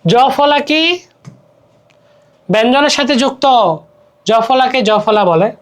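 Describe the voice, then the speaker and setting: Teaching exam-prep grammar, this young male tutor has a Bangladeshi Bengali accent and a very high-pitched, expressive voice that's clear, resonant and a little slow. He walks through each step, repeats words and asks questions to check understanding.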